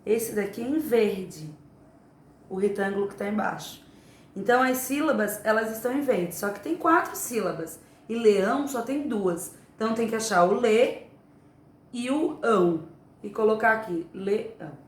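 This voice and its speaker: A woman teacher giving a remote lesson to young children, explaining slowly and patiently. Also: fairly high pitch, animated. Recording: echoey room, faint ambience.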